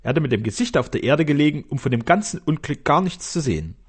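A man narrating a classic adventure novel in a measured, steady storytelling manner. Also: on the high side, husky. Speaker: audiobook narrator. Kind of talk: scripted narration.

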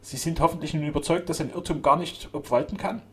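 A composed young gentleman, played by a man reading aloud, speaking calmly and courteously. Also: on the high side, fast talker, breathy edge, pitched above the performer's own voice.

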